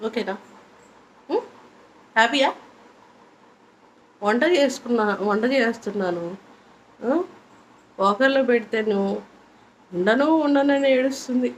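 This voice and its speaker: Coaxing woman with a high sing-song voice. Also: unhurried, pauses often, rough recording. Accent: Telugu. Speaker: vlogger. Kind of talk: casual home vlog narration. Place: home.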